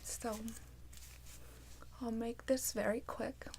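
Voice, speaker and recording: A woman doing an ASMR role-play as a caring nurse, with a gentle, reassuring bedside manner. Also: a little high, fairly even intonation, takes it slowly, gravelly, a little hiss or hum. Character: caring, attentive female nurse. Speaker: ASMR performer playing a nurse.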